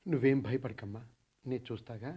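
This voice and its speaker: An actor playing a concerned elderly head of a household who asks calm, reassuring questions, in a radio drama. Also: male voice, medium pitch, brisk, breathy edge, close to an everyday voice.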